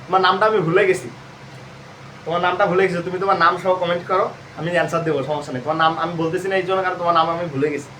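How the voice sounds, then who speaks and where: Rapid-fire and sharp-toned, a high-voiced man with a Bangladeshi Bengali accent teaches admission prep live, his intonation fairly even. He quizzes repetitively and answers his own questions. The recording catches him off-mic and distant, amid roomy echo and a faint hum.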